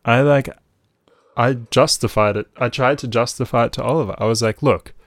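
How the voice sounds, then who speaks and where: A man hosting a casual podcast with a friend, talking in a playful, halting way that often trails off mid-sentence. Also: mid-range voice, no echo, studio quality. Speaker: podcast host. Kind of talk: casual chat.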